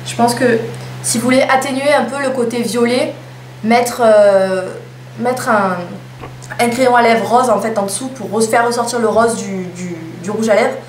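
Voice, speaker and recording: A woman's voice: fairly high pitch, fairly even intonation, normal speed. A young woman chatting casually through a lipstick haul, with playful self-mocking asides. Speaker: beauty vlogger. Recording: echoey room with faint hum.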